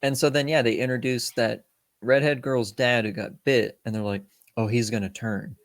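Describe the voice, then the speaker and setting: A man's voice: mid-range voice, moderate pace, no room sound, clean studio sound. A man co-hosting a film podcast, chatting casually and bluntly, swearing freely and now and then mimicking characters. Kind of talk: casual film review chat.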